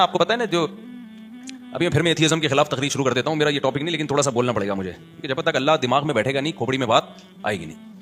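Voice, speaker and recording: A male preacher talks to his listeners in a loose, conversational way, slipping in jokes and stretching out recited Arabic verses. His voice sits a little high for a man. Soft music plays faintly under the talk. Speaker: Islamic scholar giving a talk. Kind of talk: religious talk.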